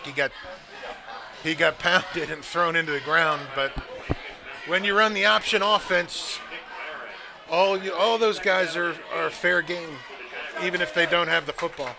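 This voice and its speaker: A man giving relaxed, chatty color commentary at a live high school football game, with joking asides. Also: moderate pace, creaky. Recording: noisy outdoor broadcast recording.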